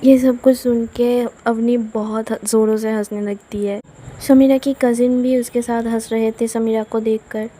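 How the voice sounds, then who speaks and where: A woman storyteller reading a romance story in a plain, conversational manner. Her voice is fairly high and warm, soft at the edges. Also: level tone, a little slow, low-quality recording. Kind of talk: storybook narration.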